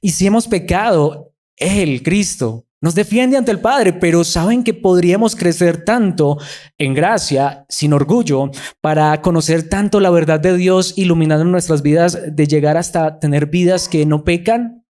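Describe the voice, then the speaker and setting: A man's voice: fairly high pitch, unhurried, a little mellow. A man preaching a sermon as pastor to his congregation, earnest, with his emphasis rising and falling. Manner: earnest, rises and falls in emphasis.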